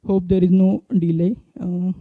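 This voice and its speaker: This conference speaker, a man in his thirties with an Indian accent, delivers an informal flash talk and live app demo on an indoor stage, his delivery halting and unsure. Into a handheld mic, his high voice stays level in tone. The audio lacks echo and comes across dull and muffled.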